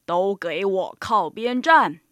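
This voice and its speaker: A woman voicing a big stubborn male elephant with a low, forceful voice in a storybook. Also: expressive, slow, dry recording. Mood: demanding.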